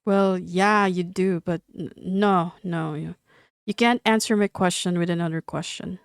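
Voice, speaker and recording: A woman's voice: fairly low pitch, fairly even intonation, vocal fry, clean tone, dry recording, clean studio sound. A woman reading as a flustered, firm young woman. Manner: stammering, hurried.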